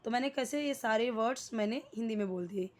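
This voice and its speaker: A young woman teaching English grammar with an Indian English accent. Her voice sits a little higher than most women's. She explains each point patiently and quizzes her listeners as she goes. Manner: explains slowly, checks with questions and repeats key words. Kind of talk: Hindi-medium English grammar lesson.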